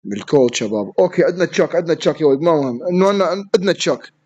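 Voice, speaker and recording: A man with an Iraqi Arabic accent giving live gameplay commentary, excitable, yelling at opponents and swearing as he plays. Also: a little high, very fast, dull audio. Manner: excitable, yells at opponents and swears mid-play. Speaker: gaming streamer.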